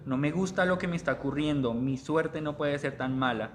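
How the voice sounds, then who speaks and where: Bitter, ailing mother, read flat and slow by a man, a touch high. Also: a little hiss or hum, close to an everyday voice. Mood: bitter lament.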